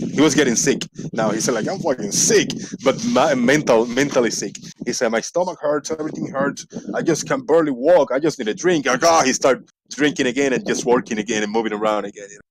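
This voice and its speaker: A man in his forties from Puerto Rico, speaking his native Spanish with a Puerto Rican accent, hosts a casual livestream in a mid-range voice. He rambles, laughs, swears at will, and clears a slight frog from his throat. The rough recording carries a little hiss or hum.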